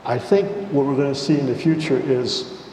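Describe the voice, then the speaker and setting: A middle-aged or older man with an American accent gives unscripted, measured and explanatory remarks as a panelist. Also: mid-range voice, steady tone, mellow. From United States. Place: large reverberant indoor hall. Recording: echoey hall, faint background noise.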